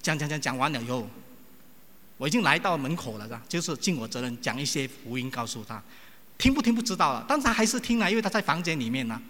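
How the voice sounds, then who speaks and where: A man preaching with a bright, lively voice that swings up and down as he tells his stories. He acts out the people he quotes. His voice rings through a hall with a long echo. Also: fairly high pitch, quick pace. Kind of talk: sermon with personal stories. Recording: long reverb of a large hall.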